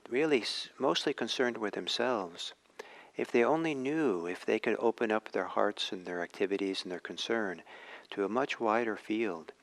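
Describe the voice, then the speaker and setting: Reflective man, low voice. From Norway. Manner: reflective, unhurried, with many pauses and restarts. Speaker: meditation teacher. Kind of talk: dharma talk.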